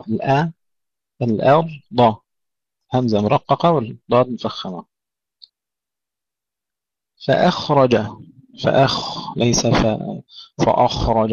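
A man teaching a tajweed lesson, reciting words slowly to demonstrate and correcting common mistakes. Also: mid-range voice, a little mellow, no room sound. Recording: dry, dull lo-fi audio.

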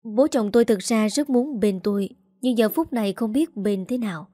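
Female storyteller, mellow tone, dry close mic, sorrowful measured delivery. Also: a little high, no room sound. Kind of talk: scripted first-person narration.

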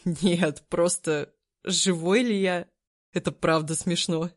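A woman voicing a weary, stoic immortal man who speaks tersely and dryly, with a quiet, slightly mocking manner. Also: lowish voice, steady tone, takes it slowly, no echo, studio quality. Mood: weak, wry.

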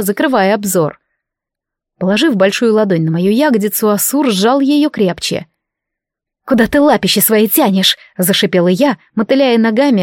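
A woman narrating a fantasy romance novel in the first person, with an expressive reading. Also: mid-range voice, no echo, clean studio sound. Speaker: audiobook narrator.

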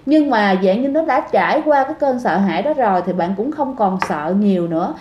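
A woman's voice: medium pitch, expressive, a little fast, a little mellow, slight background noise. A woman telling a ghost story in a chatty way, often addressing her listeners directly. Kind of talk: casual storytelling. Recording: echoey room.

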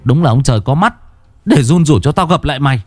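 A man's voice: mid-range voice, expressive, fast, a little mellow, dry recording, soft background music, pitched above the performer's own voice, lightly acted. A man voicing a grim young woman who accuses her father's killer in a stern tone. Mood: vengeful.

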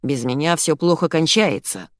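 A woman reading aloud puts on a creaky-voiced old mother-in-law who barks and mocks, her pitch leaping around. The storybook voice sits close and dry, with no room around it. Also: expressive, normal speed, no room sound. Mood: scolding. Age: older. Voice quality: creaky mezzo-soprano. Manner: barking, mocking. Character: older grumpy sharp-tongued mother-in-law. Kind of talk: audiobook character voice.

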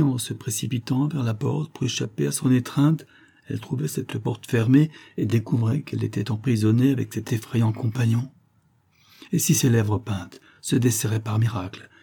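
A man narrating a novel as an audiobook in a measured, dramatic reading. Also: medium pitch, gravelly, dark tone, husky.

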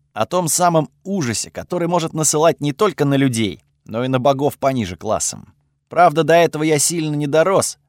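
Lively first-person audiobook narrator man. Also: mid-range voice, no echo, studio quality.

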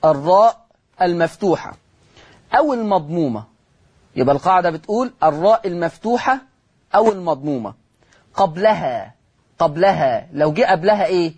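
A man's voice: sits high, breathy edge. A man with an Egyptian accent teaching Quran recitation rules on television, repeating each rule and answering his own questions. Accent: Egyptian Arabic. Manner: slows to chant example words.

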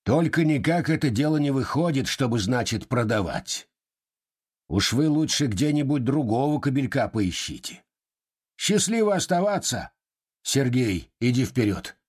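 A man reading an audiobook voices a poor old organ-grinder who talks humbly and haltingly but with dignity, in a husky voice. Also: medium pitch, big pitch swings, darkish tone, voice pushed up. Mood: polite.

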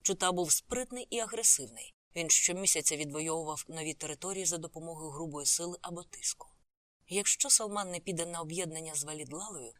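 A woman's voice: on the low side, a bit bright, no echo. A woman narrating a novel as an audiobook, reading the characters' lines in her own voice.

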